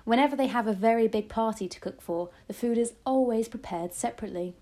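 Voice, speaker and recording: A woman's voice: fairly high pitch, fast talker, mellow, voice pushed up, close to an everyday voice. A woman voicing an elderly grandmother who is loving, resourceful and emphatic, in a storybook reading. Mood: urgent, caring.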